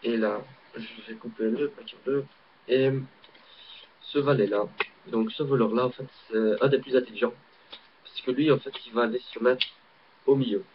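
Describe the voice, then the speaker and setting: A man's voice: medium pitch, fairly even intonation, normal speed, pauses often. A man with a Belgian French accent, casually demonstrating a card trick in a rambling, hesitant way with many fillers, recorded on a laptop webcam mic. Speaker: amateur magician. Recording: dull lo-fi webcam audio, faint hiss.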